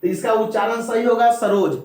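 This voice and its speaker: Male teacher, high voice, slow repetitive drilling, addresses students, very echoey room. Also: steady tone, a little mellow. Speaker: Hindi grammar teacher. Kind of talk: board lesson.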